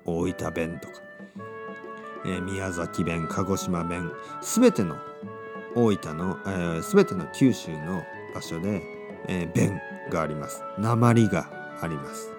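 Slow, lively-voiced man teaching Japanese. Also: over music. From Oita, Japan. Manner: slow and clear, with lively swings in pitch. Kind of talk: slow, simple Japanese lesson.

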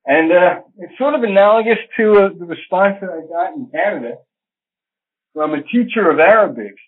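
A man's voice: high-pitched, expressive, moderate pace, breathy edge. An older man, an astrologer, giving long scholarly answers in an interview, digressive and full of fillers. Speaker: astrologer guest. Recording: phone-line sound.

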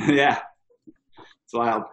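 A man in his thirties from Rhode Island, chatting casually as a guest and letting his stories wander in an easygoing way. His voice sits at a middling pitch. The room adds a noticeable echo. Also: very slow, creaky. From Rhode Island, USA. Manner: relaxed, rambling storyteller. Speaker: podcast guest. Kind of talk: casual chat. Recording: roomy echoey sound.

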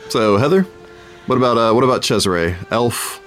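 A man who is a podcast's game master, speaking in a relaxed, matter-of-fact way. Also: medium pitch, normal speed, soft background music. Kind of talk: casual podcast chat.

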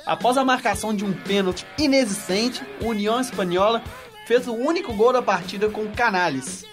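Guy hosting sports news, pretty high voice, music playing under him. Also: a little fast. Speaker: sports show host. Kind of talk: news round-up with casual banter.

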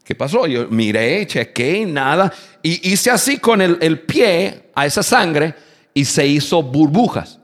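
A man tells comic stories from his own life, his voice sitting a little high and swinging widely in pitch. He acts out the shouting moments and laughs along with his own tales. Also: big pitch swings, measured pace. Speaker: speaker on communication. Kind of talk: storytelling talk to an audience.

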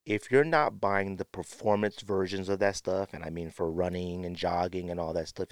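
A man with a deep, smooth voice hosts a podcast, voicing firm opinions and repeating phrases for emphasis while sniffling from a runny nose. The audio, from a close podcast mic, is dry and clean studio quality.

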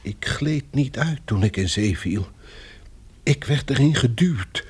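A man's voice: medium pitch, animated, takes it slowly, husky, heavily acted. An actor playing an older male professor in a radio drama, shaken and earnest after nearly drowning. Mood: grave. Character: elderly male professor, frightened but dignified.

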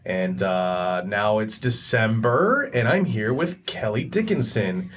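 A man's voice: fairly low pitch, lively intonation, slow pace, a bit bright, breathy edge, muffled recording. A man hosting a podcast in casual chat, joking, laughing often and stumbling over his words. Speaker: podcast host.

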